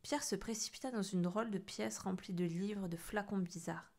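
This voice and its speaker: A woman tells a children's story with lively expression. She reads as a storyteller and shapes each line for young listeners. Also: mid-range voice, moderate pace, vocal fry. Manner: expressive, animated reading.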